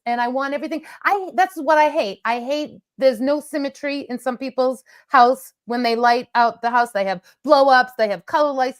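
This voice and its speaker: A middle-aged woman with a Boston accent and a fairly high voice banters with her co-host. She talks in an animated, self-mocking way, like casual comic chat. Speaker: podcast co-host. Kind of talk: comedic couple banter.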